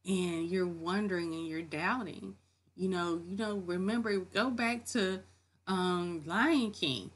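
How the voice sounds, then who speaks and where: A woman's voice: fairly low pitch, slow. Earnest woman giving faith encouragement. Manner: earnest, encouraging, repeats key phrases. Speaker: faith vlogger. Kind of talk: casual motivational talk to camera. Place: home office.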